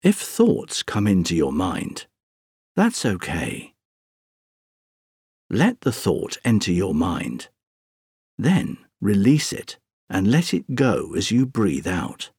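A man narrating a scripted guided sleep meditation, speaking softly and breathily in a soothing, gentle, unhurried way with long pauses. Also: low voice, wildly swooping pitch, breathy edge, no echo, studio quality.

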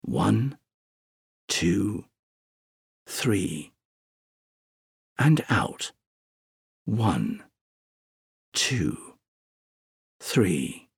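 A man narrating a scripted guided sleep meditation, speaking softly and breathily in a soothing, gentle, unhurried way with long pauses. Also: low voice, sing-song, creaky, husky, dry recording.

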